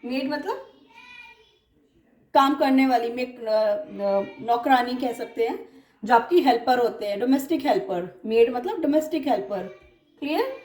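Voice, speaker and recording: A high-pitched woman gives a slow, patient phonics lesson. She stretches out her example words and keeps asking whether her students have understood. Her voice sounds a little echoey, as if recorded in a bare room. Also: expressive, a little mellow. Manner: patient, drawn-out examples, frequent check-ins like "clear?". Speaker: English phonics teacher.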